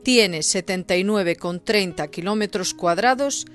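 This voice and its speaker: A woman's voice: medium pitch, unhurried, soft background music. A woman reading a short scripted introduction full of facts and figures.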